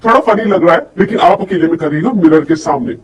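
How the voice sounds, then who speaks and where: Fast and husky with a darkish tone and fairly low pitch, a woman teaches as a voice and personality development coach. She speaks right to her listeners, posing rhetorical questions and giving demonstrations, heard through a distant mic with faint background noise.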